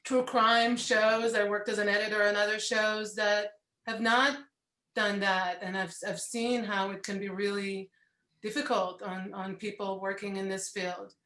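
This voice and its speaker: A woman documentary producer speaking frankly and in a measured way in an interview. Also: mid-range voice, little pitch movement, pushed and bright. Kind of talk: remote interview answers. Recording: echoey room.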